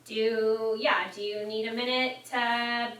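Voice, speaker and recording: A woman's voice: on the high side, level tone, takes it slowly, a bit bright. A woman taking part in a group training discussion, talking things through casually with lots of "like"s. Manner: conversational, thinks aloud with many "like"s. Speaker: training participant. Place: church meeting room. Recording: echoey room, mic far off, faint noise.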